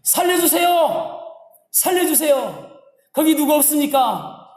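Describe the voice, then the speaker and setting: A man acting out a panicked man clinging to a branch, shouting desperately for help in an echoey church hall. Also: very high-pitched, expressive, slow, pitched above the performer's own voice, heavily acted.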